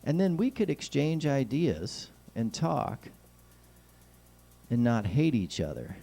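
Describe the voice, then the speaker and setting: A man's voice: mid-range voice, sing-song, slow, vocal fry, dark tone. An American man hosting a casual, lightly humorous talk show in a folksy, rambling, neighbourly way, with whistling s sounds. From Kansas City, United States. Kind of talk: casual solo political chat with light humour.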